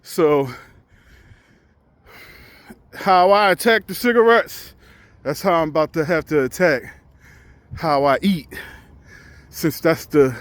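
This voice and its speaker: High-voiced man in his forties, candid. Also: takes it slowly, long pauses, a bit bright, no room sound. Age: 40s. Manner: candid, reflective, talks it through with restarts; talks while out on a walk. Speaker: truck driver. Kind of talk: casual vlog monologue.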